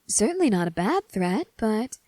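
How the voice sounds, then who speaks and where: A woman playing a cynical, taunting gang member in an ASMR role-play, speaking in a sardonic, teasing, unhurried way. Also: mid-range voice, very animated, dark tone, dry recording, clean studio sound. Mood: amused, taunting.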